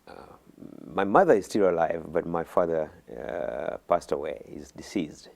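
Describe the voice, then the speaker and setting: Slow, gravelly man. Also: low-pitched, darkish tone. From Uganda. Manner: halting, many fillers and restarts. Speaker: guest. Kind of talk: interview conversation.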